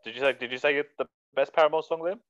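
A man's voice: on the high side, fast talker, a bit bright. Laughing man hosting a podcast. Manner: laughs often, swears casually. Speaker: podcast host running a music list. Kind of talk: casual banter podcast. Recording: dull muffled sound, dry.

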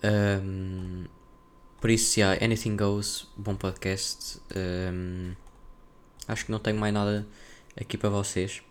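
He talks slowly, a young European Portuguese-accented man with a lowish, clean voice whose level tone barely shifts in melody. As host of a casual solo podcast, he thinks aloud in a loose, rambling, slang-filled way.

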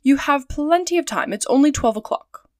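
A woman doing a calm probing detective. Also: sits high, no echo, studio quality, voice pushed up. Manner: measured questioning.

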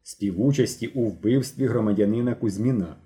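A male reader voicing a stolid village militiaman who answers slowly and curtly. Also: on the low side, warm tone, natural voice. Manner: slow, curt, unhurried.

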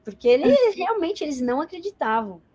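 A woman in her forties from Brazil, telling a personal story as an interview guest in a colloquial, animated way. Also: high voice, fairly quick. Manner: animated, colloquial, acts out quoted voices.

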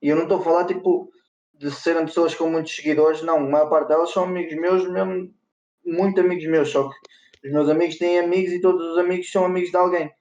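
A man's voice: fairly high pitch, little pitch movement, fast, a little mellow. A young man from northern Portugal with a European Portuguese accent, talking casually as an interview guest, using slang and some English words. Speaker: rapper being interviewed. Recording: roomy, slightly dull lo-fi sound.

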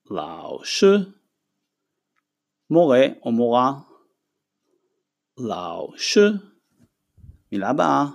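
A man teaches a recorded vocabulary lesson, his voice gravelly and full of fry. His pitch moves a lot as he says each new word slowly and then repeats it for the learner. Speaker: language teacher.

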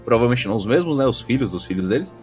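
Very fast and animated, the man's mid-range voice has a darkish tone, with faint music behind it. He's a podcast co-host and game master with a Brazilian accent, casually chatting through listener feedback and explaining things colloquially.

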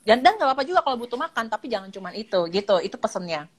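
Wanita bicara ekspresif, campur istilah Inggris. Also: female voice, a little high, very fast. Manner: animated, acts out parents' quotes with lively intonation; mixes English words into speech. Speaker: child psychologist guest. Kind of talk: casual live-stream chat.

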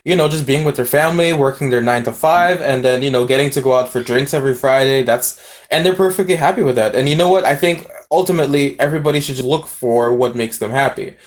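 Male discussion guest, Aruban accent, mid-pitched. Casual, reflective, reasons aloud with repeated sentence starts. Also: fast.

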